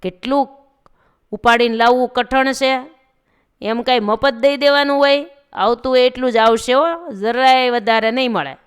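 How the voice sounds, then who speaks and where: A woman's voice: fairly high pitch, expressive, quick pace, clear, resonant tone, pitched above the performer's own voice, close to an everyday voice. A woman voicing a male deity posing as a strict vegetable seller, refusing firmly to give anything extra. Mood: stern. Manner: firm, unbending refusal.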